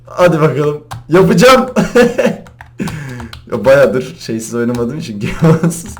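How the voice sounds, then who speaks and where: A young man doing casual gaming commentary, excitable, often laughing and shouting as he plays. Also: medium pitch, normal speed. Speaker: gaming YouTuber. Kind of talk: casual Minecraft parkour commentary.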